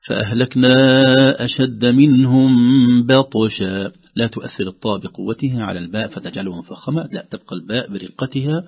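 Man, Quran recitation teacher, radio lesson, patient step-by-step explaining, husky, muffled lo-fi audio. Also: fairly low pitch, animated, quick pace. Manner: explains step by step and drags out sounds to demonstrate.

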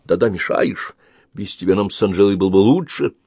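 A man's voice: sits low, fairly quick, a little mellow, husky, dry recording, studio quality. A man reading aloud and voicing a doting, hot-tempered father who insists and raises his voice. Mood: angry.

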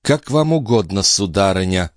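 A man's voice: fairly low pitch, very animated, a little slow, a bit bright, no echo, studio quality, voice pushed up, full character voice. A man playing a flustered police chief. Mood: indignant. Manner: stammering, sullen, pleading. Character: flustered, resentful male police chief, middle-aged. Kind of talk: audiobook character voice.

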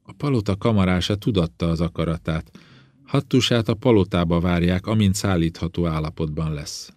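A man reading the part of a young judge, speaking in a measured, serious way. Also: low voice, a little mellow, no room sound, natural voice. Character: young male judge, earnest and dutiful.

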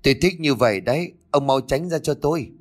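A man voicing a domineering middle-aged landlord's wife who scolds and gives sharp commands. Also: medium pitch, animated, a little fast, voice pushed up, natural voice. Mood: stern commanding.

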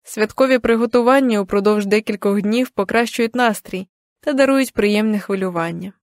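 A young adult woman narrating an audiobook in the first person, with even, gentle storytelling. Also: medium pitch, normal speed, no room sound, clean studio sound.

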